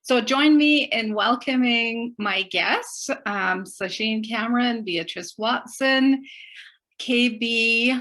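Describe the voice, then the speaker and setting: A middle-aged woman from Barbados hosting a community talk show, speaking slowly and carefully with many fillers. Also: a little high, fairly bright tone. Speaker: host.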